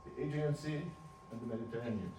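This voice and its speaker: A man in his seventies, a native Ladino speaker from Turkey, gives an informal talk over slides, halting, restarting and chuckling softly. His medium-pitched voice is warm, and the recording is roomy and distant with a faint hum.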